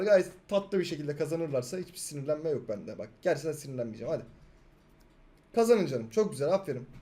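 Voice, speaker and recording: A man in his twenties giving excitable live commentary on his own gameplay, bossing and teasing his teammates and boasting about his wins. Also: sits high. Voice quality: excitable, swings between shouting and muttering. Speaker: gaming video host. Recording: loud game gunfire behind the voice.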